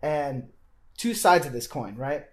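A man's voice: medium pitch, very animated, a little slow. A young man, a podcast guest, earnestly telling a personal faith story in casual conversation, often restarting his sentences.

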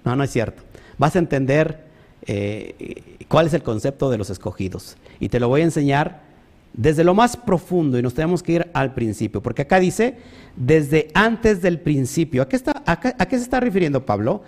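A man teaching a sermon, stressing points emphatically, often calling out to the congregation and pausing with fillers as he searches for words. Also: on the high side, very animated, a little mellow. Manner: emphatic, repeats "ojo" and "amén", talks to the congregation. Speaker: preacher.

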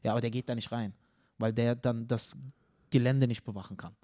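A man co-hosting a comedy podcast, telling stories animatedly in casual chat and often tagging his sentences with quick questions. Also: medium pitch. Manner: animated storyteller, tag questions, acts out scenes.

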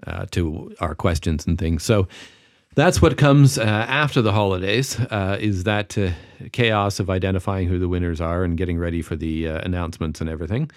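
A man's voice: sits low, moderate pace, no echo, studio quality. A tired man co-hosting a podcast, chatting casually and rambling with lots of fillers. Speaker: podcast co-host. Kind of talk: casual chat.

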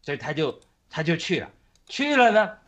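Halting man retelling a Bible story. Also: on the high side, very animated, fairly bright tone. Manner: halting, with frequent fillers and restarts.

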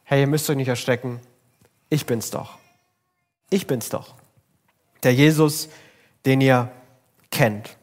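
A man voicing Jesus as a calm adult man gently reassuring frightened friends. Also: medium pitch, slow pace, pauses often, pitched below the performer's own voice, close to an everyday voice. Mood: soothing. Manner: soft, gently calming.

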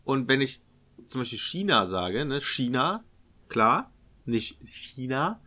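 A young man with a Rhineland German accent who rambles through casual podcast chat, pausing on fillers and restarting. His voice sits at a middling pitch. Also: very animated, pushed and bright. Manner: rambling, hesitant, many fillers. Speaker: trainee teacher, podcast co-host.

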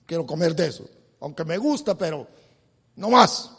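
High-voiced preacher, slow, echoing hall. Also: male voice, animated, husky. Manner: swings from soft to shouted scripture. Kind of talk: emotional sermon. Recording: long hall reverb.

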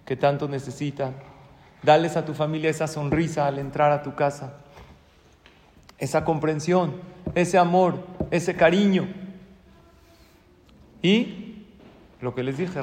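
Male rabbi, animated sermon storyteller, fairly high voice, long hall echo. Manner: lively storyteller, acts out voices.

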